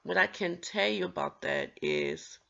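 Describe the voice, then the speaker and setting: This woman, a vlogger with a stutter, speaks earnestly and slowly to her viewers in a gravelly yet bright voice that's fairly low but swoops wildly in pitch. She sometimes trips on a word and starts again, never losing her encouraging tone. The recording is dull and lo-fi.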